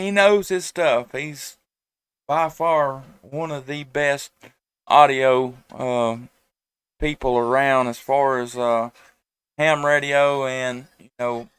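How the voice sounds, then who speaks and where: An American ham radio operator who also hosts a live stream chats casually and rambles from his home, speaking into a headset microphone. His mid-range voice is a bit bright and clean, and the recording is dry.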